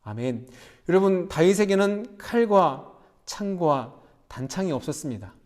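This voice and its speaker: Young male pastor, earnest emphatic sermon delivery, high-pitched. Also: expressive, a little slow, a little mellow. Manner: earnest, emphatic preaching with rising appeals.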